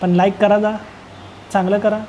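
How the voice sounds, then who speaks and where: A man's voice: high-pitched, level tone, moderate pace, dark tone, a little hiss or hum, low-quality recording. A young man from Solapur, narrating a travel vlog in a rambling, joking way and addressing viewers as friends. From Solapur, Maharashtra. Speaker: travel vlogger. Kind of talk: casual travel vlog voice-over.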